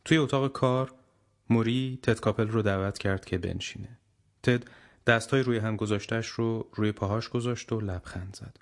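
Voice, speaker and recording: A man narrates an audiobook in a low voice. His delivery is steady and measured, the even pace of a careful storyteller reading aloud.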